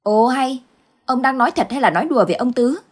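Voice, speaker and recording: Woman reading as a brisk, scolding old village wife; husky voice. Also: mid-range voice, lively intonation. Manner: scolding, dismissive.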